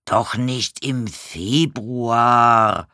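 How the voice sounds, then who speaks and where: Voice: extremely slow, no echo, studio quality, full character voice. A reader voicing a frantic, confused old man who is hard of hearing and keeps mishearing words, in a storybook reading. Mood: flustered. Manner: high, loud, flustered and mishearing.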